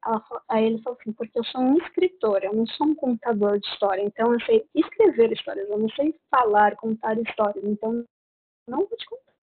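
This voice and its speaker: A book reviewer with a Brazilian Portuguese accent rambles through a book's plot in a casual chat, using lots of fillers. Her voice is on the high side and she talks fast with few pauses, over tinny, phone-like audio with a little hiss or hum.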